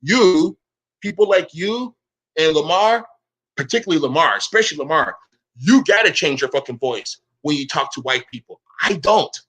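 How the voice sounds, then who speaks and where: On a rough recording, an online commentator rants on his vlog in a voice on the high side, animated and a bit bright with a breathy edge, at a moderate pace. He curses, confronts his rivals with repeated "bro"s, and says he keeps one voice for all.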